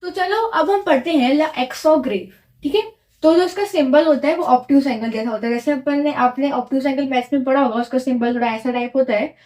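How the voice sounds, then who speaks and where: A woman teaches French grammar in a classroom-style lesson, explaining step by step in Hindi mixed with English words, repeating each key word and asking the learner to echo it back. Her voice sits high and has a dark tone.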